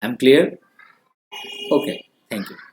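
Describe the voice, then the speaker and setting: A man's voice: extremely slow, roomy sound. A male English teacher giving a classroom grammar lesson, switching between two languages and often asking questions that he then answers himself.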